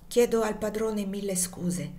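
A woman voicing a humble, gentle enslaved man who speaks softly and pleadingly but stays firm. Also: mid-range voice, unhurried, natural voice. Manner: soft, pleading, quietly steady.

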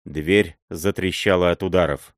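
Низкоголосый мужчина-чтец аудиокниги ведёт повествование неторопливо и драматично. Звук сухой и близкий. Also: male voice, sits low, steady tone, no echo, clean studio sound. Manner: measured, dramatic reading. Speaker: audiobook reader. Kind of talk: literary audiobook narration.

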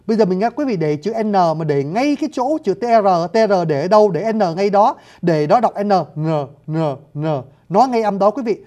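A man's voice: high-pitched, animated, a little fast, hardly any pauses, warm tone. A man teaching a lesson on writing systems and sounds, politely addressing his viewers and demonstrating pronunciations. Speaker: language teacher. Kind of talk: video lesson on scripts and sounds.

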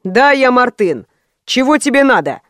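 A woman's voice: a little high, sing-song, moderate pace, fairly bright tone, no room sound, studio quality. A woman voicing a smug, lazy man of about forty who runs a gang, drawling and then shrieking. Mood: menacing.

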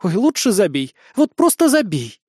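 A man voicing a bold, tipsy young woman soldier who talks in a squeaky, sulky, sassy way. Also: expressive, brisk, a little mellow, dry recording, clean studio sound, lightly acted.

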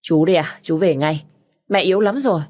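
A woman voicing a worried older brother who speaks in an urgent, hurried way in an audiobook. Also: on the low side, darkish tone, lightly acted. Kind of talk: audiobook character reading.

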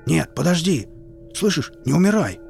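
A man voicing a rash young male stalker who shouts urgently. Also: medium pitch, expressive, normal speed, gravelly, faint music behind. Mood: frantic.

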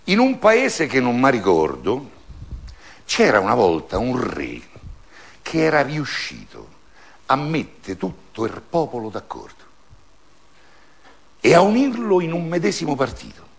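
A man's voice: mid-range voice, a little slow, creaky, pauses often, slightly rough. A man reciting a satirical verse fable in a storytelling way. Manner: storytelling recitation with lively swings of tone. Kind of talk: recited dialect poem.

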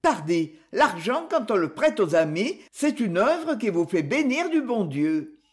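A woman voicing a talkative, jealous village washerwoman who speaks in a shrill, quick-tongued way. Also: big pitch swings. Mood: teasing.

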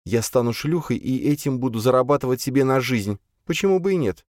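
A man voicing a jealous, jilted young woman with shrill, wounded, pleading lines in an audiobook. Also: brisk, darkish tone, dry recording, clean studio sound, natural voice.

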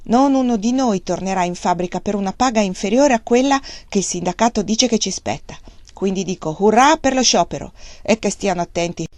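A woman's voice: medium pitch, a little fast, a little mellow, dry recording, natural voice. A woman reading the part of a blunt, angry middle-aged male mill worker, defiant and scornful.

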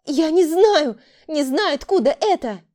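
Woman voicing a shrill, frightened younger sister. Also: lively intonation, measured pace, warm tone. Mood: desperate. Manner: shrill, pleading, indignant.

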